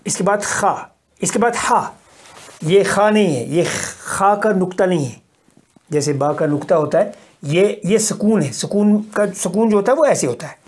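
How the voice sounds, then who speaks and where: A man's voice: high voice, animated, husky. Patient man teaching Arabic vowel marks. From Kashmir. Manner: patient, repetitive explaining, drawing out example syllables. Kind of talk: recorded language lesson.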